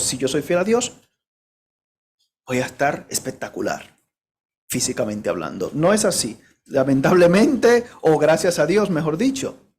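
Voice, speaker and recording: A man's voice: on the high side, darkish tone. Man preaching with rhetorical questions. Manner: emphatic, asks the congregation rhetorical questions; direct warnings to the listener. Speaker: pastor. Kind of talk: sermon.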